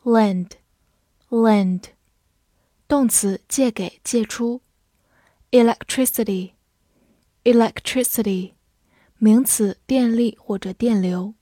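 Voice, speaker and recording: A woman English teacher narrating a vocabulary lesson, slowly repeating each word twice before giving its meaning. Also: fairly high pitch, mellow, no echo, clean studio sound. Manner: slow, drawn-out word repetition.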